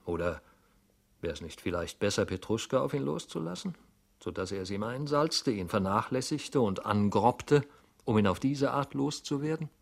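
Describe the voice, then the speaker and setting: A man's voice: lowish voice, lively intonation, moderate pace, gravelly. A man voicing an anxious, fretful government clerk who mutters and scolds himself, in an audiobook reading. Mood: brooding.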